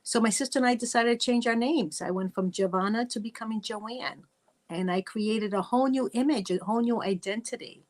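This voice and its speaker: A woman's voice: on the high side, fairly quick. A middle-aged woman from Italy hosting a faith talk show, speaking earnestly and personally, often adding "right?" and "you know". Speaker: podcast host.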